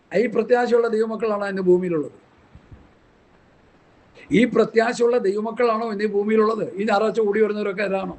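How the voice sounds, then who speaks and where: High-pitched gravelly man preaching a bible study, fiery and scolding. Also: a little mellow. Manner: impassioned, scolding, rhetorical questions. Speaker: pastor.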